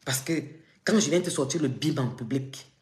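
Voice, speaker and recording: A woman's voice: a bass voice, moderate pace, darkish tone, roomy sound. A woman with a Cameroonian French accent, ranting on a live stream in a taunting, mocking, threatening way. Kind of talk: confrontational live-stream rant.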